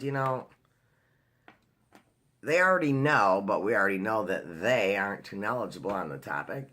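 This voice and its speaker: A vlogger chats through a personal story in a casual video diary, full of fillers and restarts. His voice is medium-pitched with a fairly bright tone.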